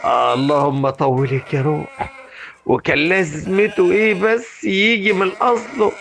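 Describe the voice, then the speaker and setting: An actor playing a meek, exasperated young husband with an Egyptian accent. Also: male voice, sits high, unhurried, vocal fry, fairly bright tone, full character voice. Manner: weary, pleading.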